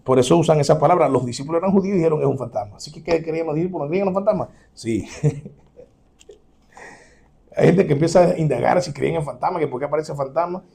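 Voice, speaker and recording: Animated preaching man, gravelly and warm. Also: fairly high pitch, fast talker. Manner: animated preaching, dramatic re-enactment, chuckles. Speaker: pastor. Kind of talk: sermon.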